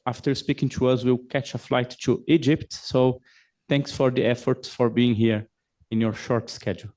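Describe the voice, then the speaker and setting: Measured male seminar moderator. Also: mid-range voice, little pitch movement, a little mellow. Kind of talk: formal introduction of a speaker.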